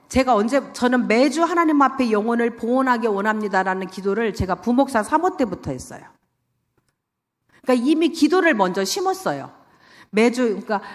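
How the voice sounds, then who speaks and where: Lively woman preaching in an echoey church. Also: on the high side. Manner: animated storytelling, acts out her own quoted lines. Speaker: pastor's wife giving a testimony. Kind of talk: sermon testimony. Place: church sanctuary. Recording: church hall reverb, livestream.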